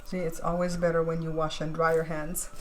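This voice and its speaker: Lower-pitched woman, casual baking host. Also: flat delivery, a little fast. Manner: explains step by step, checking in with viewers. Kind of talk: casual cooking tutorial chat. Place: indoors at a kitchen counter. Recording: clearly noisy home recording.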